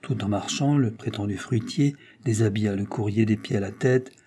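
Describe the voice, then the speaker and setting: A man narrating a novel as an audiobook in an even, measured reading. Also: lowish voice, a little hiss or hum. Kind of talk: scripted narration.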